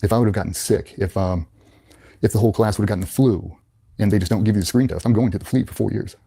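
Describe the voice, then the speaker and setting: Fast-talking low-voiced former sailor. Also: male voice, creaky, dark tone, husky. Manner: matter-of-fact, blunt, quick recounting. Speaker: interview guest, former Navy SEAL. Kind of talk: casual storytelling.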